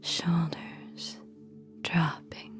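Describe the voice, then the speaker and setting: A woman whispers a soothing, hypnotic ASMR sleep meditation in short phrases separated by long pauses, with music playing in the background.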